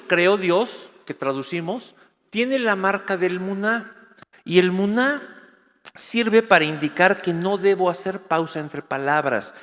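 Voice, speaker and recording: A man's voice: high voice, fairly bright tone. A man giving a classroom lecture over slides, explaining step by step and often checking in with his audience. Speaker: course lecturer. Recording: reverberant hall.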